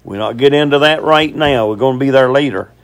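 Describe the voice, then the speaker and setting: A man's voice: medium pitch, fairly quick. A man preaching a teaching sermon on scripture, folksy and conversational, often asking his listeners questions.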